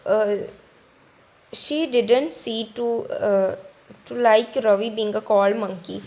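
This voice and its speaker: A young woman teacher who reads a school story aloud slowly and then explains it in casual, chatty Hindi. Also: a little high, a little mellow.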